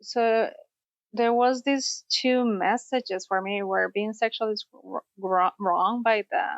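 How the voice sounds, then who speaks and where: A woman's voice: mid-range voice, fairly even intonation, slow, dry recording, dull audio. A woman from Costa Rica, a sex therapist, telling her story in a podcast interview. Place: studio, in person.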